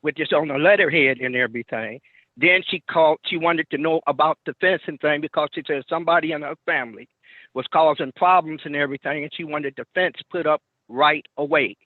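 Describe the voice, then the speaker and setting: A man's voice comes through muffled and tinny, as if from a phone on the other side of a wall. He sits a little high for a man and sounds close and dry, with no room around him. He speaks haltingly, repeating words as he answers a judge. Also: no room sound. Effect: muffled, tinny phone line. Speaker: party in a court hearing. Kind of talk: testifying to a judge. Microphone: telephone.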